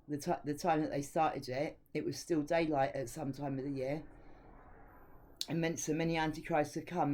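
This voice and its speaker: Speaking in a low, dark voice, a woman leads an informal devotional teaching and reads scripture aloud. She comes across as earnest and preachy, with frank opinions.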